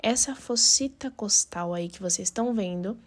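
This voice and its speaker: A woman's voice: medium pitch, moderate pace. A woman with a Brazilian Portuguese accent giving an informal step-by-step lesson, repeating points and mixing Spanish terms into her Portuguese. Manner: didactic, repeats and recaps step by step. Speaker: anatomy teacher. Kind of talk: informal narrated anatomy lesson.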